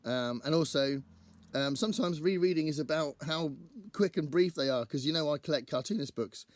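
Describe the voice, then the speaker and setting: Talking casually to camera on his book channel, a man rambles in a think-aloud style. His slightly high voice is croaky from singing at a gig the night before, his pace brisk, and there's no room sound.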